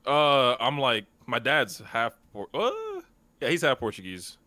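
A man's voice: mid-range voice, animated, measured pace, sharp tone, dry recording. A young man from Canada playing along on a gaming stream, joking and trash-talking in a playful, swaggering way. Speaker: co-player on the stream. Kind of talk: casual chat while gaming.

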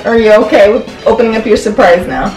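A mother who co-hosts a family toy channel plays a game with a young child at a table indoors, chatting playfully and animatedly in a fairly high, fast voice. The camera sits a short distance away, and the room has an echoey sound with music in the background.

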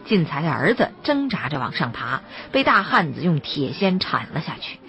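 A woman's voice: deep voice, sing-song, moderate pace, a bit bright. A woman reading a novel aloud as an audiobook, in a dramatic storytelling manner. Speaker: audiobook reader. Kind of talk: expressive novel narration. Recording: dull lo-fi audio.

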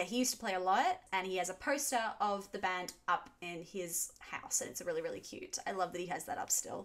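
A woman in her twenties with an Australian accent, hosting a casual question-and-answer vlog from a small room at home, chatty and animated. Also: medium pitch. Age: 20s. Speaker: YouTube music reaction host.

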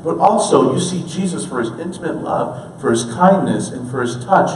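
A man in his thirties preaching a sermon in an earnest way, moving between hushed, slow lines and emphatic ones. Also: on the high side, expressive, a little hiss or hum. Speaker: pastor. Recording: roomy, distant church recording.

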